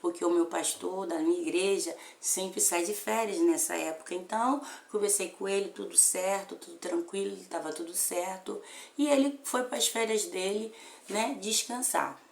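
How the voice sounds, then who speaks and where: A woman's voice: lowish voice, normal speed, creaky, darkish tone. A Brazilian woman in her fifties, a mother telling a family story with feeling and repeating phrases for emphasis. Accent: Brazilian Portuguese. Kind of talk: emotional personal storytelling. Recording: roomy echo.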